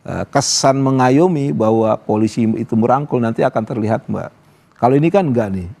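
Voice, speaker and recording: On a live TV talk show in a studio, a male activist guest talks casually and at length, dropping fillers like "gitu" and "apa namanya." His voice is medium-pitched, fairly quick, and dark-toned with vocal fry.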